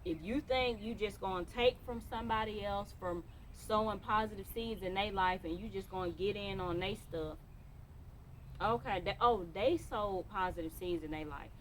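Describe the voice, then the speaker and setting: A woman's voice: medium pitch, normal speed, a little hiss or hum, poor audio. A woman giving a motivational monologue to camera, emphatic and repeating phrases for stress. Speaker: motivational speaker.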